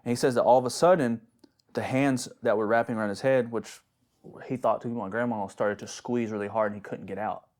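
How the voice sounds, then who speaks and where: A man's voice: mid-range voice, steady tone, fairly quick, darkish tone. A young man co-hosting a podcast, casually telling a spooky family story with slang and restarts. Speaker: podcast co-host.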